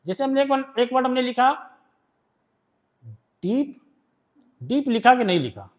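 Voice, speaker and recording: A very high-pitched male voice with big swings in pitch belongs to an Indian-accented man teaching shorthand. In this classroom lesson he reads the rules slowly in English, explains them in Hindi, and often asks whether his students have understood each step.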